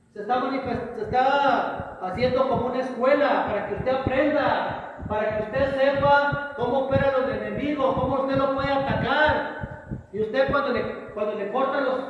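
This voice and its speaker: High-voiced pastor preaching in a hall. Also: male voice. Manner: preaching in a storytelling way, with direct questions to the listener. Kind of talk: sermon. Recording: echoey hall, distant muffled mic, faint hiss.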